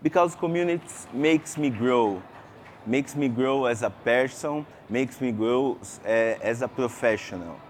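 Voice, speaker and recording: A Brazilian man whose first language is Portuguese gives a conference talk in a session room, his medium-pitched voice carrying a Brazilian accent over a faint hiss or hum. His delivery is halting, full of fillers and restarts, and he poses questions to the audience.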